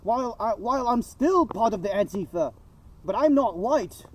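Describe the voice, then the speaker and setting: A man on an agitated, emphatic rant, speaking haltingly and repeating his phrases over and over. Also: high-pitched, animated, distant mic, slight background noise. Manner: agitated, emphatic ranting in bursts. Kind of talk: unscripted political rant.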